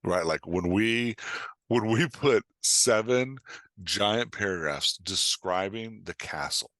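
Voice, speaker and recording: On the low side and speaking slowly, a man talks shop about his craft as a podcast guest and coach. His delivery is informal, blunt, animated, and emphatic, with acted-out reactions from imagined readers and plenty of "like" and "right?". No room sound is audible.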